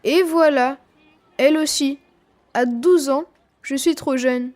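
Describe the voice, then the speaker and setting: A woman's voice: high voice, slow, a little mellow. A woman reading a children's story aloud for language learners, telling it expressively in the voice of a twelve-year-old boy. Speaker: reader.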